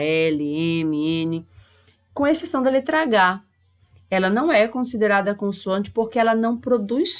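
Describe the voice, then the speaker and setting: Speaking in a lowish voice, a Brazilian Portuguese-accented woman teacher carefully and slowly spells out sounds in a recorded lesson aimed at sixth graders.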